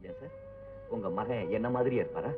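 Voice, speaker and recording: This is an eager young doctor, who talks in a cheeky, teasing way. His pitch swings very widely from line to line. He sounds far away on a thin, tinny old soundtrack with music underneath. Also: huge pitch swings, brisk. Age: young adult.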